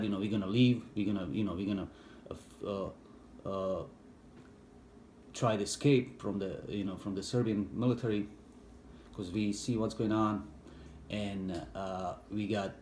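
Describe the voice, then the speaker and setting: A middle-aged man from Bosnia with a Bosnian accent, English not his first language, recalling his past haltingly with many fillers and restarts in an interview. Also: on the low side, darkish tone. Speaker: interviewee, war veteran. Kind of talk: personal recollection, hesitant. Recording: echoey room with faint background noise.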